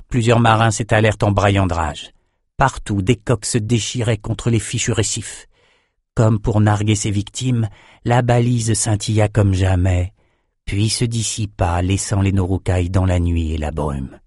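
A man reading a fantasy novel aloud as an audiobook narrator, in a steady, measured way. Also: on the low side, no room sound, clean studio sound. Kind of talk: scripted narration.

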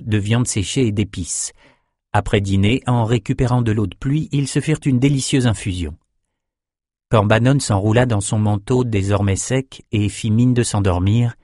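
A man reading a fantasy audiobook in a steady, even narrating voice. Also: on the low side, dry recording, clean studio sound.

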